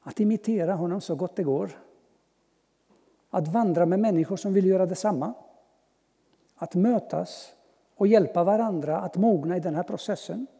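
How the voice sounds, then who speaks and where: A man giving an earnest personal testimony as a preacher, speaking slowly with long pauses and sudden soft drops. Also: sits high, vocal fry, slightly rough. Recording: long hall reverb.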